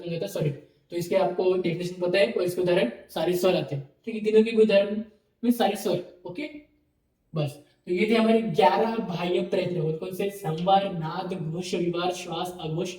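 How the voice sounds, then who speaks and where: A high, mellow-voiced man gives a lecture in a bare, echoing room, a little away from the mic. He counts items off in lists and checks in with his students after nearly every point, mixing English words into his Hindi. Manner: explains step by step, repeats lists, frequent "theek hai" and "okay" checks. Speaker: Sanskrit teacher. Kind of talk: recorded online lecture. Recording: roomy echo, mic at a distance.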